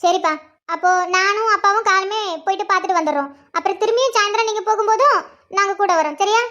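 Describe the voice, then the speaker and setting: A performer voicing a loving, chatty grandmother in a family cartoon who fusses over and gently teases her family. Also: extremely high pitch, fast. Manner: fussing, gently teasing. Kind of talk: cartoon voice acting.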